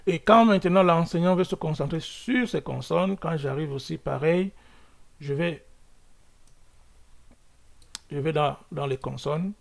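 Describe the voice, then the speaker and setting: Man, coding tutorial host, slow halting delivery, fillers and restarts, gravelly, slightly high. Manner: thinks aloud while working. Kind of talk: screen-recorded coding lesson.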